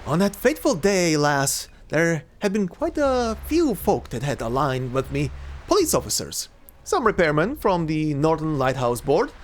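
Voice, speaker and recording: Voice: mid-range voice, big pitch swings, normal speed, natural voice. Someone doing a folksy ghost sailor spinning yarns. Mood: eager. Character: eager storytelling old ghost sailor, folksy.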